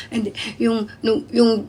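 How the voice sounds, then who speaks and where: Rambling Filipina domestic worker vlogger. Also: female voice, fairly high pitch, slightly rough. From Philippines. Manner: rambling with many fillers and restarts. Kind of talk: casual storytelling to viewers.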